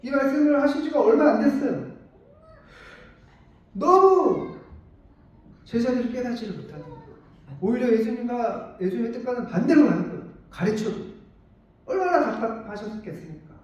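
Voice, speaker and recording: A man's voice: very high voice, expressive, fast, darkish tone. A middle-aged male pastor preaching a sermon, asking his listeners questions and then answering them himself. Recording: distant, echoey, muffled church room sound.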